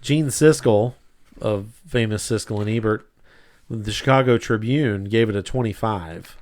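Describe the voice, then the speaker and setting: A man co-hosting a casual podcast, reading reviews aloud in a dry, wry way and clearing his throat often. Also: lowish voice, a little slow, a little mellow. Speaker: podcast co-host.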